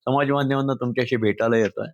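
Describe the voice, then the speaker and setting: A man's voice: medium pitch, steady tone, quick pace, dry recording, highs cut off. Man from Maharashtra, heartfelt social-media talk with poem reading, earnest and emotional, dry recording. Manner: earnest, emotional, speaks directly to listeners as friends. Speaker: speaker addressing social media followers.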